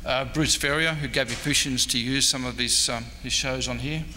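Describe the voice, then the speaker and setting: A man in his sixties with an Australian accent gives an informal, off-the-cuff convention talk as a historian, taking audience questions in an indoor meeting room. His medium-pitched voice holds a steady, sharp tone and moves a little fast as he rambles, hesitant and self-deprecating. The echoey hall picks up background noise.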